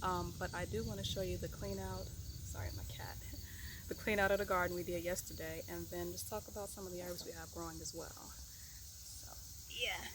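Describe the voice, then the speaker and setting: A woman walks through her outdoor garden, chatting casually about her herbs in a somewhat low voice. She rambles easily, filling pauses with "um" and doubling her words. Crickets and insects chirp clearly behind her. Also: background noise. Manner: relaxed, rambling, many ums and repeated "really, really". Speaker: home gardener giving an herb tour. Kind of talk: casual garden tour vlog.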